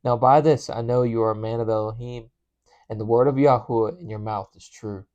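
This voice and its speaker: A man's voice: mid-range voice, fairly even intonation, fairly quick, darkish tone, no room sound, highs cut off, natural voice. A man reading as a poor widow mother. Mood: reverent.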